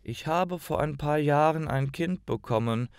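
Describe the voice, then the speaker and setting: A man voicing a sad, homeless young mother who speaks quietly and sorrowfully. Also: on the high side, a little slow, gravelly, clean tone, no room sound, clean studio sound, voice pushed up.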